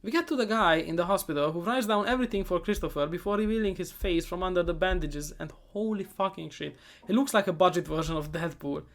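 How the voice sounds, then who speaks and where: A man giving a comedic movie recap, sarcastic and profane, rambling and often trailing off into quieter asides. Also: high-pitched, fast, hardly any pauses. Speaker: movie reviewer.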